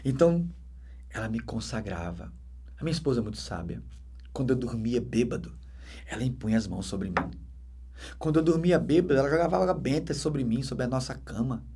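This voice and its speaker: A man with a Brazilian Portuguese accent, a deacon giving a dramatic conversion testimony that swings between loud emphatic bursts and hushed soft passages. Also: mid-range voice, animated, a little fast, creaky, husky.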